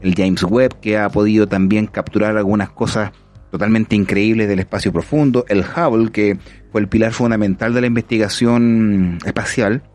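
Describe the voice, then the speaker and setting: Over faint background music, a podcast host with a Chilean Spanish accent rambles happily through his stories. His voice sits on the low side, a little mellow, with fairly even intonation and a moderate pace.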